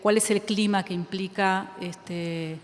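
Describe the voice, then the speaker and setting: Taking her time, a woman writer from Argentina talks in a medium-pitched, steady voice to an audience in a school auditorium, where the hall echoes noticeably. Her Argentine Spanish accent colors a reflective, thinking-out-loud style with plenty of fillers, false starts and laughter.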